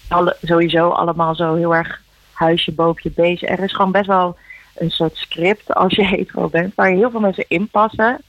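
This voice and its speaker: A woman, a musician guest, talking earnestly and reflectively in halting phrases, heard over a phone line in a radio interview. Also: fairly low pitch, level tone, no echo. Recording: dull dry phone line.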